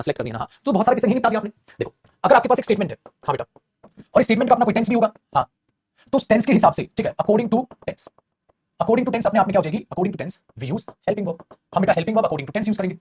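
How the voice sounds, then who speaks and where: A man teaching English grammar in a live online class, energetic and chatty, calling his students "beta". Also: high voice, husky.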